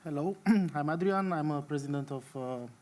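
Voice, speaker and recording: Halting Romanian-accented man. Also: on the high side, a little mellow. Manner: halting, many fillers. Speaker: president of a humanist association. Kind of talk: panel introduction.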